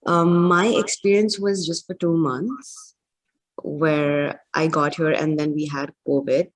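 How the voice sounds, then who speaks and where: A woman's voice: deep voice, steady tone, slow pace. A woman on a video call whose voice echoes back, talking informally as a panelist about her own college experience. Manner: informal with fillers, speaks of personal experience. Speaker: webinar panelist and former international college student. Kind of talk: casual webinar sharing.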